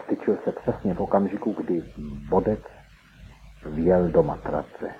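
A man's voice: low voice, slight background noise. A man reading a first-person story aloud in an earnest, dramatic storytelling manner, heard on a tinny lo-fi recording. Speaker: narrator. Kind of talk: first-person audiobook narration.

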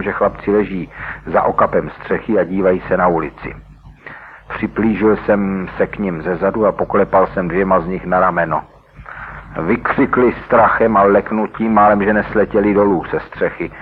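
A man narrating a story in a measured, scripted reading, heard over a tinny radio broadcast. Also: deep voice, slight background noise.

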